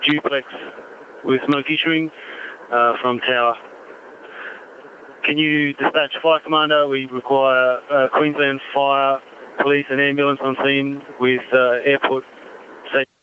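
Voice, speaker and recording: A firefighter, a man, making crisp procedural reports over a two-way radio. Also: medium pitch, little pitch movement, measured pace, pauses often. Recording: tinny narrow-band radio, faint noise.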